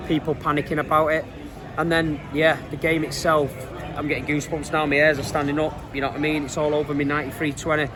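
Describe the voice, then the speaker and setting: A man with a Manchester accent giving a casual, earnest interview as a football fan, using colloquial, emphatic phrasing. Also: a little high.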